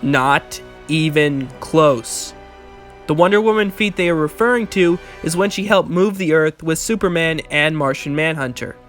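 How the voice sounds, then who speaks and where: High-pitched man in argumentative rebuttal commentary. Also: fairly quick, few pauses, fairly bright tone, faint music behind. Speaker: video essayist and commentator.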